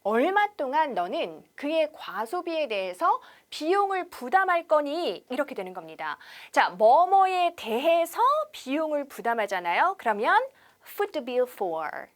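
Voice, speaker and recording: Lively high-voiced woman teaching English. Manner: slow, carefully drilled English example sentences; lively instructor patter with rhetorical questions. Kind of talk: TV English lesson, explaining in Korean.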